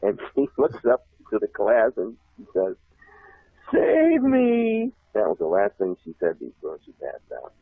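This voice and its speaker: A man telling a long childhood story on a talk show, animated and laughing often. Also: deep voice, moderate pace, creaky, husky. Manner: animated, laughs often, acts out shouted voices. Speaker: guest telling a life story. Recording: tinny phone line.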